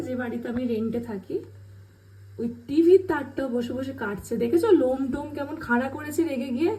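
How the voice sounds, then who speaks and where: A young woman with a high voice talks to her pet bird at home. She scolds it with playful mock threats and repeats her phrases again and again, like a parent telling off a naughty child. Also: a little mellow, poor audio. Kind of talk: casual talk to a pet. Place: at home, rented house.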